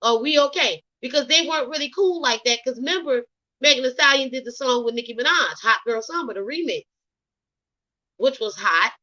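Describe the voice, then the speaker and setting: A woman's voice: high voice, animated, fairly quick, pushed and bright, dull audio. A woman from the US South with a Geechee accent, rambling through opinionated celebrity gossip commentary with lots of ums and you knows. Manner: opinionated, rambling, many fillers like um and you know. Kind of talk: casual commentary vlog.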